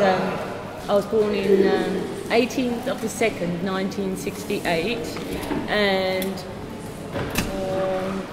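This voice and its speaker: A woman in her forties, chatting in a group reminiscence session, pausing often with ums. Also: medium pitch. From South Africa. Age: 40s. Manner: hesitant, many ums and pauses. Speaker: day centre participant. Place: day centre room. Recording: echoey hall with loud background noise.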